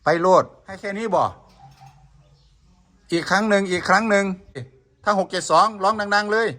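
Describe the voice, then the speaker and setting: A man's voice: sits high, fairly even intonation, moderate pace, pushed and bright. A man with a Northeastern Thai accent chatting casually and coaxingly, repeating short questions insistently. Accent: Northeastern Thai (Isan). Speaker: video host talking to a pet bird.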